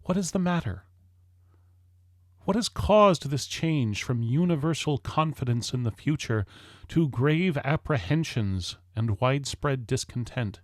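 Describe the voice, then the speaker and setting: A man with a mid-range voice reads a historical speech as formal oratory, solemn and declamatory, pausing deliberately between measured phrases. The clean studio recording has no room sound.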